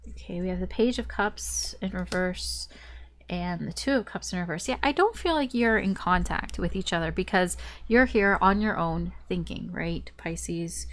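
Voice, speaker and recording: A woman with a fairly low voice gives a casual tarot reading at normal speed, her tone a bit bright over slight background noise. She is congested, so she sounds stuffed up and nasal, almost as if pinching her nose. She rambles and repeats herself, circling back over the same phrases.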